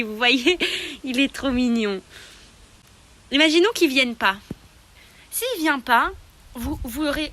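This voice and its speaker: Chatty young woman, bright tone. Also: sits high. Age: young adult. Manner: chatty, hesitant, many fillers. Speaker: pet vlogger. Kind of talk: casual vlog tutorial.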